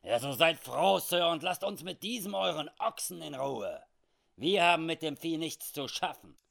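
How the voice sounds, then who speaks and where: A man playing a loud, sneering outlaw boss, scornful and menacing. He pushes the lines raised and forceful, with lively swings, in a read-aloud adventure story. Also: on the high side, normal speed, vocal fry, voice pushed up, full character voice. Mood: dismissive. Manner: scornful, threatening. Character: sneering rough male cattle-thief leader.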